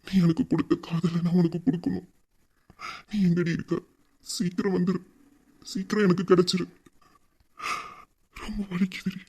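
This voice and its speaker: A man's voice: sits high, flat delivery, normal speed, vocal fry, long pauses, a little mellow, slightly rough, full character voice. A man voicing a young man who pleads for his lost love in an earnest audio drama monologue. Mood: longing.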